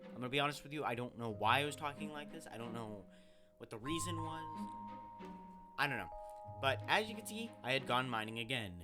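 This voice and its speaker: A man's voice: medium pitch, animated, fairly quick, music in the background. A man giving casual, rambling voiceover commentary on his own gameplay, often correcting himself as he goes. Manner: rambling, self-correcting, chatty. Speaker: gaming channel host.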